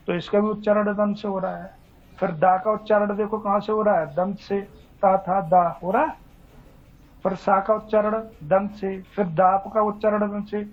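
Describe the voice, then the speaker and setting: A male teacher giving a classroom lecture on Hindi grammar, asking questions and answering them himself in a repetitive drilling manner. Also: sits high. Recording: dull lo-fi recording.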